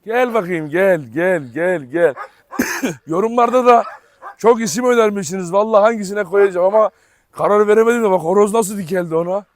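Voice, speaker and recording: A man's voice: high-pitched, fairly quick, dry recording. A man vlogging outdoors on a farm, chatting to viewers and coaxing his dog to come. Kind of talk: casual chat to camera.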